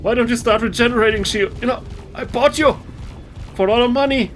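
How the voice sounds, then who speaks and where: A man voicing a frustrated gamer with an Indian accent who scolds his pricey shield for not regenerating, in a high, whiny put-on voice. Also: a little fast, fairly bright tone, slight background noise. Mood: indignant whining.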